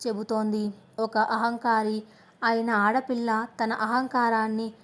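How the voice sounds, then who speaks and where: A woman narrating an audio story in an even, measured reading. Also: fairly high pitch.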